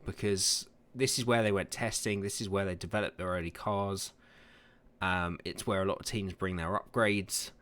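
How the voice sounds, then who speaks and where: A man's voice: low-pitched, fairly even intonation, normal speed, a bit bright. A man hosting a casual racing podcast, laid-back and teasing, laughing often. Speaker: podcast host.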